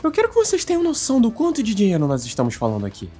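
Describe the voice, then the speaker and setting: A man's voice: high voice, huge pitch swings, racing, warm tone, faint music behind. A Brazilian man as guest co-host, reading a scripted commentary recap with sarcastic jabs. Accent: Brazilian Portuguese. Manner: sarcastic, swooping delivery.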